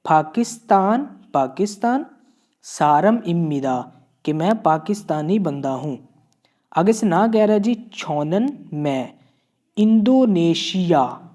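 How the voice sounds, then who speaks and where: A man's voice: a little high, warm tone. A man from Pakistan with a Pakistani Urdu accent teaching Korean vocabulary, patiently repeating each word and checking in often. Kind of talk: classroom-style vocabulary lesson.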